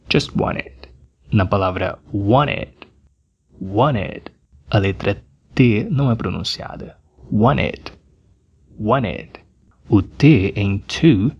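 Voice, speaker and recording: A man with a Brazilian Portuguese accent teaching English, slowly repeating phrases to drill their pronunciation. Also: on the low side, slightly rough, dull audio. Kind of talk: scripted language lesson.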